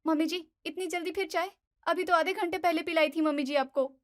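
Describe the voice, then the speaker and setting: A woman's voice: very high-pitched, fairly even intonation, fairly quick, pitched above the performer's own voice. A woman voicing a weary young daughter-in-law who mutters grumbling asides to herself. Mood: polite.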